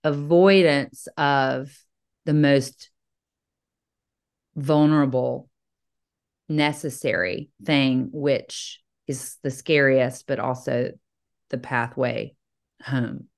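A woman's voice: a bass voice, fairly even intonation, drawn-out words, creaky, long pauses. A woman hosting a podcast from a cabin, talking reflectively and reading passages aloud. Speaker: podcast host. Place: indoors in a cabin.

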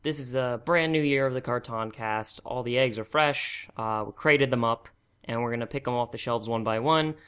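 A man's voice: mid-range voice, normal speed, fairly bright tone, clear, resonant tone. A man hosting a podcast in a casual, wry, joking way. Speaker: podcast host. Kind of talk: casual chat.

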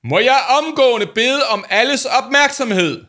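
A man's voice: expressive, a bit bright. A man voicing a big, always-hungry grown man who bellows with dramatic seriousness in a storybook reading. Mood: shouting. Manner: booming, dramatic, overly serious. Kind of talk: storybook character voice.

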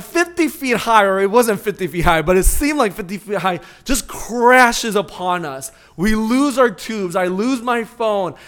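A man in his forties, a pastor giving a sermon, telling a personal story in an animated, conversational way. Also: high voice.

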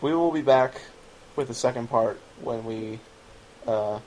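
A man's voice: medium pitch, a little slow, a little mellow, a little hiss or hum, poor audio. Laid-back man hosting a gaming podcast. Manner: laid-back, joking, trails off with ums. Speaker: podcast host. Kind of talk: casual chat.

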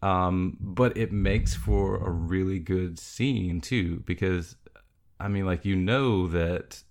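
A man in his thirties hosts a casual podcast chat. His voice sits very low with a gravelly fry. He rambles, restarts often and laughs a lot. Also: slow, a little mellow. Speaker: podcast host. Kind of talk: casual chat about a film.

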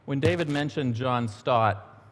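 A middle-aged man giving a relaxed, conversational sermon in church, telling stories with the odd um and aside. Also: medium pitch, unhurried. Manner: relaxed, storytelling, a few ums and asides. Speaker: church minister. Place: church sanctuary. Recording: long church-hall reverb.

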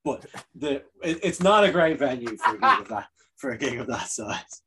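A sick man with a hoarse voice, co-hosting a podcast in casual comedic banter and laughing often. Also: medium pitch, expressive, normal speed, background noise. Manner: laughs often, jokey rambling. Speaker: podcast co-host.

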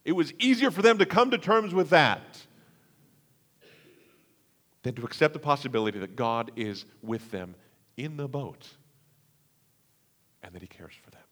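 A man preaching a sermon, with dramatic swings between hushed, slow passages and loud, emphatic ones. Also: mid-range voice, lively intonation. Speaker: pastor. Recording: long hall reverb.

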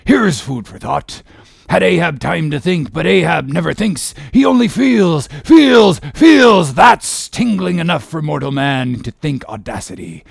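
Gravelly, obsessed old sea captain Ahab. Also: male voice, fairly high pitch, lively intonation, normal speed, dry recording, studio quality, pitched above the performer's own voice, heavily acted. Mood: brooding. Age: older. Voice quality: gravelly, raspy. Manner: declamatory, grandiose, archaic seafaring speech. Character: obsessed, commanding old one-legged whaling captain. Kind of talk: dramatic audiobook character reading.

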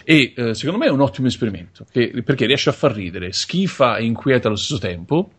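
A man giving a casual film review as a podcast panelist, halting as he searches for the right words. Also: medium pitch, lively intonation, slightly rough.

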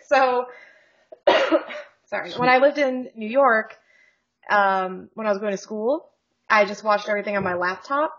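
A woman's voice: medium pitch, unhurried, pauses often, a bit bright, highs cut off. A woman co-hosting a podcast in casual chat, joking and rambling with frequent laughs, over a video call. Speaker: podcast co-host.

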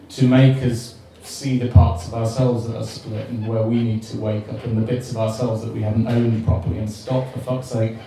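A man's voice: mid-range voice, mellow. A man on a book club panel, talking frankly and casually, swearing now and then and poking fun at himself. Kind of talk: casual discussion. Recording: echoey room, mic far off, faint noise.

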